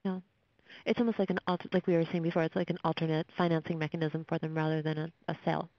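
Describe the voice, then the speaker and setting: A radio show host asking interview questions, brisk and agreeable, with steady backchannels. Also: medium pitch, no echo. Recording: dry, muffled radio audio.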